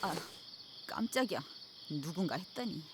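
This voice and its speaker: An actress playing a responsible, caring older sister in an audio drama, brisk, exasperated and reassuring by turns. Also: female voice, lowish voice, lively intonation, a little hiss or hum, natural voice. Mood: annoyed.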